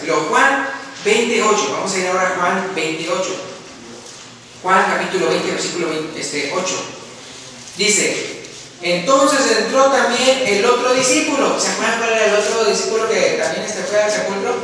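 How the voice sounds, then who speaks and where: A man's voice: high-pitched, bright, forceful tone, far from the mic, slight background noise. A man preaching a sermon in a church, reading scripture and asking his congregation questions in a conversational way. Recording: echoey church hall, mic from afar.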